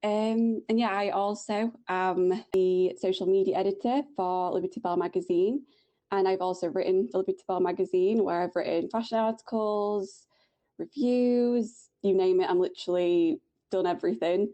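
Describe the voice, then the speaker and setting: A woman's voice: mid-range voice, steady tone, normal speed, dark tone. A woman in her twenties with a Yorkshire accent, co-hosting a casual podcast chat, bubbly and enthusiastic. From Yorkshire, England. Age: 20s. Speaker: podcast co-host.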